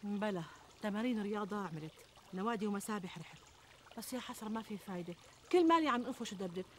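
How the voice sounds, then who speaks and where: Casting: woman playing fretful, self-deprecating Syrian housewife, TV comedy, rapid-fire plaintive delivery, light outdoor ambience. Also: medium pitch, lightly acted. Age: middle-aged. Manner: plaintive, expressive complaining. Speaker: actress in a TV comedy drama. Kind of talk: conversational TV comedy sketch acting. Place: outdoors in a garden. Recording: outdoor ambience, trickling water noise.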